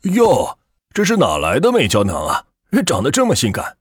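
Narrator voicing a husky, swaggering bully, big swoops in pitch. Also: male voice, wildly swooping pitch, normal speed. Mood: leering. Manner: swaggering, coarse. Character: fat arrogant crude male supplier, bullying.

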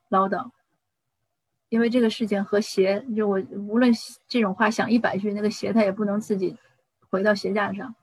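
A middle-aged woman shares parenting advice in a relaxed, conversational way, often restarting sentences as she tells personal stories. Her voice is slightly husky, and the recording is dry and close. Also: medium pitch, no room sound, poor audio. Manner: conversational, with frequent restarts and anecdotes. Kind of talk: casual advice talk.

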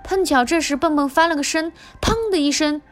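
A mother reading a children's picture book aloud to her kids, with an expressive, sing-song telling. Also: sits high, fairly quick, faint music behind. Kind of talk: children's storybook narration.

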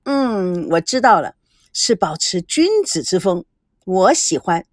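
A woman's voice: fairly low pitch, sing-song, slow, dry recording, clean studio sound, heavily acted. A woman voicing a brash, teasing young woman in an audio story, playful and bossy. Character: brash teasing young Taiwanese woman, cheeky self-styled beauty.

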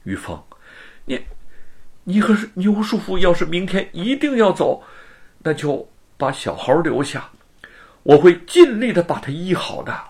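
An earnest young male scholar, as a man reads him aloud in an audiobook story. He pleads with sincere warmth, and his voice swings through a wide, lively pitch range. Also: a little slow, vocal fry, long pauses, full character voice.

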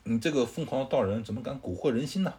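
A hot-tempered young warlord in a spoken storybook tale, barking indignant commands in a fairly low voice, as a man telling the story puts him on. He sounds scornful and quick to anger. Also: lively intonation, darkish tone, lightly acted. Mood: angry.

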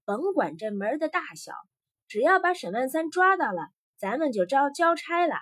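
A man's voice: very high-pitched, very animated, normal speed, a bit bright, voice pushed up, exaggerated voice. A woman voicing a bossy, brusque male palace official who barks orders, in a storybook tale.

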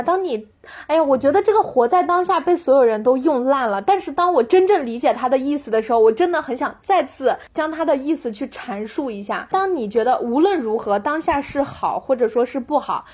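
Earnest woman with a higher, slightly husky voice. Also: a little mellow. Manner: reflective, earnest, effusive. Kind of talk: casual chat.

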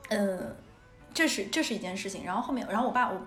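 A woman from northeast China hosting a podcast, telling childhood stories in a casual, animated way and laughing often. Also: medium pitch, fast, soft background music. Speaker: podcast host. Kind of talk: casual storytelling chat. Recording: roomy echo.

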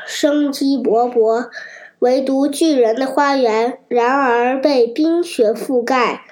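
Children's story narrator, woman with a cold, gentle and expressive, high, unhurried. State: has a cold.

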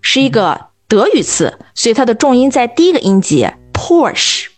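A woman's voice: on the high side, big pitch swings, fairly quick, darkish tone, soft background music. A woman co-hosting an English pronunciation podcast as the teacher, quizzing her partner in a confident, playful bilingual chat.

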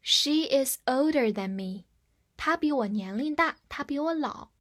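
Woman teacher spelling words slowly. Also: sits high, lively intonation. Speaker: English vocabulary teacher.

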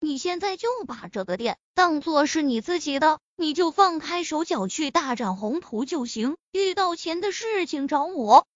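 A woman voicing a confident young male shop owner in an audiobook, speaking in a calm, assured way. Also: high voice, moderate pace, hardly any pauses, no room sound. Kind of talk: audiobook reading. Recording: dull lo-fi recording.

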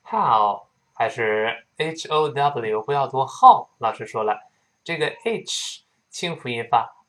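A man teaching spoken English, explaining pronunciation and slowly repeating words and sounds for listeners to copy. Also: medium pitch, lively intonation, bright, forceful tone.

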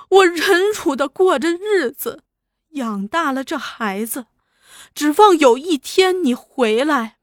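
A woman's voice: sits high, a bit bright, no room sound, studio quality, full character voice. Woman reading a sobbing, wronged wife. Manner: sobbing, pleading speech. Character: wronged wife, grieving and pleading.

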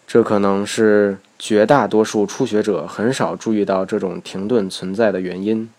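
Measured, low-voiced Chinese man teaching. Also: flat delivery, darkish tone. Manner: measured, explanatory, stretching words slowly to demonstrate. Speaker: English teacher. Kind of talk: scripted lesson narration.

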